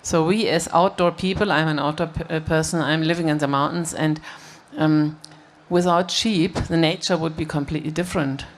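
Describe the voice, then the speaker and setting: A panelist talking in a halting way, with fillers, on a stage panel. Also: male voice, a little high, steady tone. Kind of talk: panel discussion.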